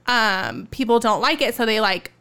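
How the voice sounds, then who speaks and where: Smooth-voiced woman in her twenties. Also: on the high side, moderate pace, bright, forceful tone. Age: 20s. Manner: reflective, heavy use of "like" fillers. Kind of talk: casual chat.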